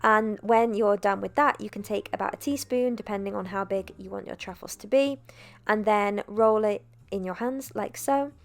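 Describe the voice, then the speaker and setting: A young woman narrating a cooking video in a chatty, relaxed voice-over, with self-deprecating asides. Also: mid-range voice, normal speed, gravelly. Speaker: cooking vlogger.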